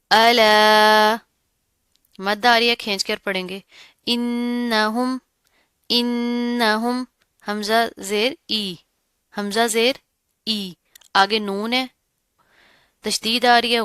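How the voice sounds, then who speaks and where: A woman teaching a Quran recitation lesson, explaining each rule step by step and repeating words slowly. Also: fairly high pitch, a bit bright, clear, resonant tone, no echo, clean studio sound. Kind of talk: tajweed lesson.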